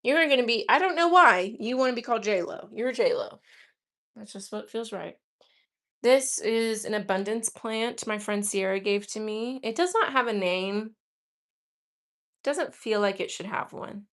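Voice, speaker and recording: Chatty bright-voiced woman talking to plants. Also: medium pitch, normal speed. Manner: chatty and rambling, talks fondly to her houseplants. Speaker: livestreamer offering paid personal readings. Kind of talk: casual live-stream chat. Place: her own home, indoors.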